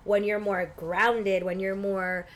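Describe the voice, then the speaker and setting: In a slow, level, medium-pitched voice, a woman guest who works as an actress and film buyer chats informally in an interview. She leans on "like" and "you know" and dramatizes bits of dialogue.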